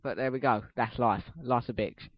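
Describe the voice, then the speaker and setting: Rambling teen lad, dull lo-fi mic. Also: male voice, medium pitch, fairly even intonation, moderate pace, no room sound. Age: teens. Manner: rambling, swears casually, restarts sentences. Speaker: podcast host. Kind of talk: casual solo podcast. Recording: dull lo-fi podcast recording.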